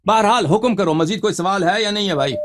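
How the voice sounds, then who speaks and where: A man hosting a live call-in debate, combative and interrupting, scolding his opponent. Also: sits high. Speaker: host.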